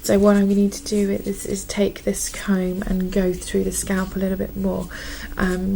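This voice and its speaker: Woman, ASMR role-play, gentle calm nurse, soft breathy half-soft voice, reassuring, gravelly fry, faint background noise. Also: mid-range voice, rough recording. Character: gentle calm nurse doing a scalp check. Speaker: ASMR performer playing a nurse.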